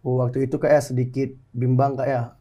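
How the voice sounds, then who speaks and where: This Balinese man in his twenties, a soldier and pencak silat athlete, answers interview questions earnestly and politely, often tacking "Kak" onto his phrases for the host. His medium-pitched, mellow voice moves little in pitch and runs a little fast.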